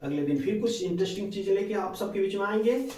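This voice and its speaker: A man's voice: sits high, quick pace, dark tone. A man giving a grammar lesson as a teacher, explaining step by step and answering his own questions. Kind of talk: classroom-style grammar lesson. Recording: very echoey room, voice from far off.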